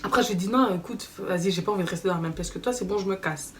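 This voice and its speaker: A young woman telling a story in a casual vlog, animated and slangy, acting out quoted dialogue. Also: mid-range voice, racing. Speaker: vlogger. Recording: slightly distant mic with faint background noise.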